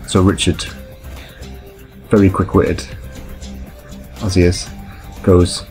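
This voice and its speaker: Low-voiced man rambling. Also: flat delivery, normal speed, darkish tone, faint music behind, poor audio. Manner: rambling, anecdotal, self-correcting. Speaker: gameplay commentator. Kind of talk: casual storytelling over gameplay.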